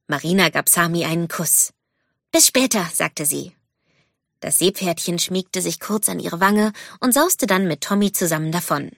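A woman with a fairly low voice reads a children's story aloud, calm and steady as she tells it. The sound is dry and close, with no room around it. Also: no room sound. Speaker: narrator. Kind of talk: scripted narration of a children's story.

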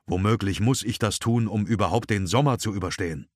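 A man's voice: fairly low pitch, fairly quick, darkish tone, no echo, studio quality, lightly acted. A man reading an audiobook, voicing a worn-down, worried middle-aged father who sounds heavy and defensive. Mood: strained weary.

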